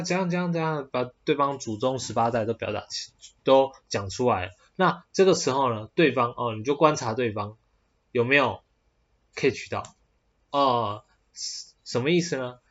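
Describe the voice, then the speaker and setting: Husky Taiwanese-accented man, rambling. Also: medium pitch, normal speed, a bit bright, highs cut off. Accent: Taiwanese Mandarin. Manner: rambling, with many hesitant fillers and restarts. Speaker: podcast host. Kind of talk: casual solo podcast talk.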